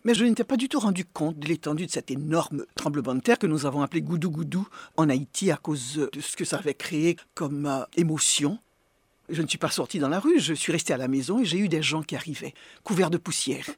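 Middle-aged woman being interviewed, husky voice, dry close sound, slow serious storytelling. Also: deep voice, a little mellow, no echo. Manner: measured, grave storytelling. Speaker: interviewee recounting an earthquake. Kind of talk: interview testimony.

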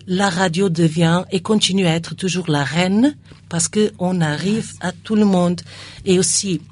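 Low-voiced woman with foreign accent in French. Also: a little mellow. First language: not French. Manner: searches for words in non-native French. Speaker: radio station staff member being interviewed. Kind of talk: conversational interview.

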